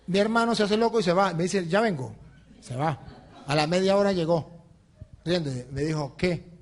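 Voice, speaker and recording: A male priest preaching a sermon, telling a humorous story with laughter and imitating the people in it. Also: high-pitched. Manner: animated, laughing, mimics others in anecdotes.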